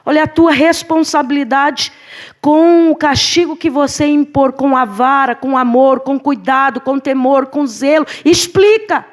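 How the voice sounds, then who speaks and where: Mulher aguda dando aula bíblica. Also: female voice, high voice, unhurried. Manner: lively, preacherly, addresses the class as brothers. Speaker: Sunday school teacher. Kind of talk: church Bible class lesson. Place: church hall.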